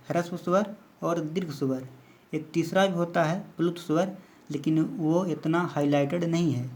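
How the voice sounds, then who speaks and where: A man teaching a basic grammar lesson, explaining step by step and counting letters aloud. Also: a little high.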